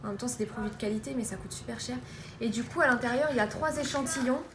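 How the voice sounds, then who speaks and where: A woman's voice: fairly high pitch, fast, a crowd in the background. A young woman from France showing off a beauty haul in a casual vlog, chatty with lots of fillers and restarts. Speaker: beauty vlogger. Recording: echoey room with background noise.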